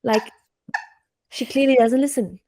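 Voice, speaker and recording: A woman's voice: high-pitched, fairly even intonation, a little slow, mellow, a little hiss or hum. A woman co-hosting a casual podcast chat, teasing and playful, laughing often. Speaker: podcast co-host.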